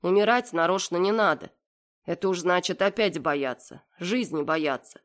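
A stubborn young girl who talks coldly and without feeling, in a level monotone, as a woman reading a story gives her voice. Her voice sits low and unbothered, in a storybook reading. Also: moderate pace, lightly acted. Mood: flat. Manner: monotone, indifferent. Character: stubborn indifferent young girl, cold and flat.

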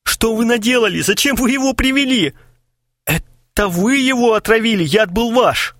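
A panicky, stingy young man whines and pleads in a very high, stammering voice, put on by a male audiobook reader. Each line swings up and down in pitch. The recording is dry and close. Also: very animated, normal speed, creaky, a bit bright, no room sound, exaggerated voice. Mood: whining.

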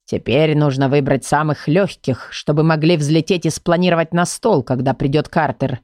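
Grumbler, woman doing a gruff male book. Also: deep voice, fairly even intonation, moderate pace, a little mellow, no echo, clean studio sound, voice pushed down, natural voice.

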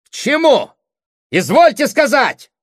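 A man voicing a proud, angry middle-aged brother who shouts indignantly in an audiobook reading. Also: extremely high pitch, huge pitch swings, slow pace, dry recording, studio quality, voice pushed up, exaggerated voice. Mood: shouting.

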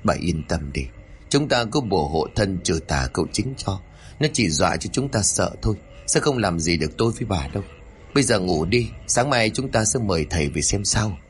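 A man doing a gruff, uneasy old-style husband. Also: low voice, lively intonation, brisk, a little hiss or hum. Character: stern, uneasy middle-aged village husband.

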